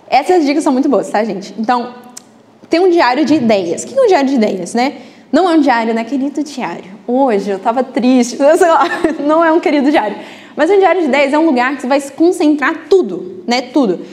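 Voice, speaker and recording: A woman's voice: high voice, a little mellow. A woman teaching a live book club class in a chatty way, often adding tag questions. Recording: reverberant classroom.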